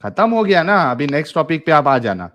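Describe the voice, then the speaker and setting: A man's voice: a little high, big pitch swings, a little fast, fairly bright tone, muffled recording. A man hosting a heated live debate, insistent, repeating his point and talking over the caller. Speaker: debate show host.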